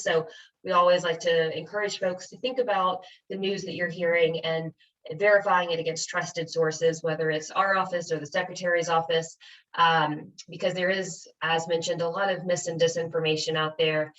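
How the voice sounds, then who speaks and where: American woman clerk, low-pitched, steady briefing tone with ums, recorded off-mic over a muffled call line. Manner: measured, informative, with frequent ums. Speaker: county clerk. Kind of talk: webinar presentation. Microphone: video call. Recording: distant, dull webinar audio.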